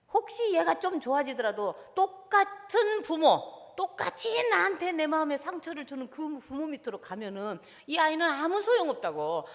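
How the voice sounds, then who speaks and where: Woman prof giving a church seminar, high voice, swoops all over, keeps quizzing the crowd, big hall echo. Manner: impassioned, keeps asking the audience questions. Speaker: seminar lecturer, professor. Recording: long reverb of a large hall.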